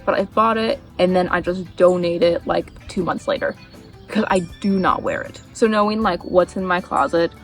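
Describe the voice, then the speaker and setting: A woman's voice: fairly low pitch, normal speed, distant mic, soft background music. A young woman chatting casually to viewers in an informal, self-deprecating way, with a slight lisp from dental aligners. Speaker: style vlogger. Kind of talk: casual chatty vlog narration.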